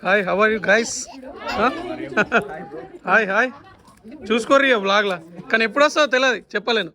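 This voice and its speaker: A man's voice: sits high, a little fast. A young man, chatting and teasing friends and family while vlogging at a busy family function on a handheld camera. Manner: chatty, teasing, greets everyone in passing. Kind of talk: casual vlog chat with friends and family. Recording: chattering crowd behind.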